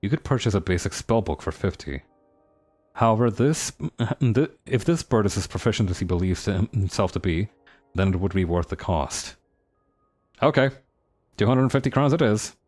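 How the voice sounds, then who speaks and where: A man's voice: on the low side, animated, normal speed, darkish tone, soft background music. A man voicing a polite, matter-of-fact male cleric hero in a game. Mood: plain.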